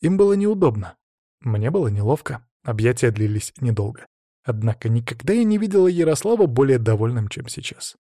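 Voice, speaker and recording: A man narrating an audiobook in a measured, even storytelling manner, close to the mic. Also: medium pitch, no echo. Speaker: audiobook reader. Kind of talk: scripted narration.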